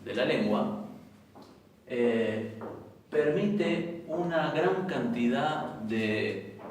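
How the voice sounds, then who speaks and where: A man teaching a language class, patiently explaining and repeating examples slowly. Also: mid-range voice, expressive. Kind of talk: lecture in a class. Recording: echoey room from far off.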